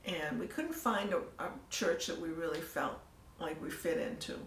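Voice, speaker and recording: An older woman telling her story in a casual interview, soft-spoken and trailing off into near-whispers. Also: low-pitched, moderate pace, slight background noise. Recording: echoey room, mic at a distance, faint ambience.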